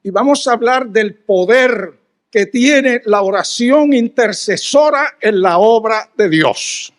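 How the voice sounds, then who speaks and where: Male guest preacher, very high voice, animated storytelling with pauses. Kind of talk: storytelling sermon.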